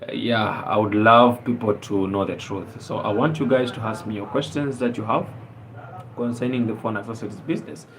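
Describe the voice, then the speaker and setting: A man's voice: mid-range voice, a little hiss or hum, rough recording. A man from Zambia hosting a casual live stream, talking earnestly with many fillers and rhetorical questions.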